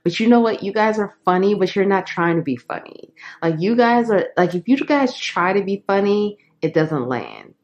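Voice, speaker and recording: A woman's voice: mid-range voice, animated, moderate pace, darkish tone, highs cut off. A woman giving a casual tarot reading, chatty and frank, laughing often and leaning on fillers. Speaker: tarot reader.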